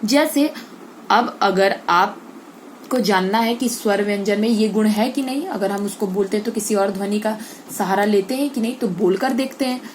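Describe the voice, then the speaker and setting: A woman's voice: mid-range voice, moderate pace, slight background noise. A woman teaching a Hindi grammar lesson to children. She explains step by step, draws out vowel sounds to model them, and keeps checking in with her class.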